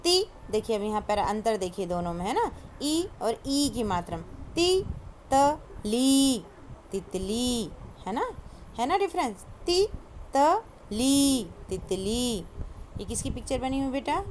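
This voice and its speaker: A woman's voice: on the high side, big pitch swings, a little hiss or hum. A woman teaching a kindergarten Hindi class online, stretching out each word and checking in with the children. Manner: slow, drawn-out word-by-word pronunciation with frequent "है ना?".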